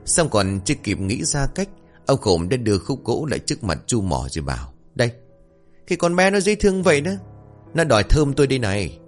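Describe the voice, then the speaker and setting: A man narrating a spooky village ghost story in an expressive, dramatic way. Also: medium pitch. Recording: faint background music.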